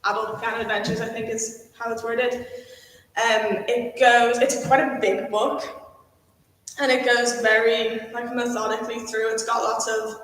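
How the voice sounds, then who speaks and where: A woman's voice: a little high, little pitch movement, measured pace, fairly bright tone. Casual woman piano teacher in an echoey hall. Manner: casual, conversational, says "like" often. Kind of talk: panel discussion. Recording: echoey hall with long reverb.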